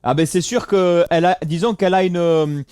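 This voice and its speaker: A male streamer from France talks to his live chat in a loose, jokey way, full of slang and quick thank-yous. His voice sits a little higher than most men's. The mic is close and the sound is very dry, with no room echo. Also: steady tone, a little mellow, clean tone. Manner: jokey, thanks viewers often, slangy asides. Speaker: Twitch streamer. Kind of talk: casual live-stream chat reading viewer messages.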